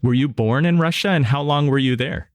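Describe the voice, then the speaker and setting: A man's voice: mid-range voice, a little fast, dry recording. A man hosting a podcast interview, introducing the guest and asking questions in an upbeat, enthusiastic way. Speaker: podcast host.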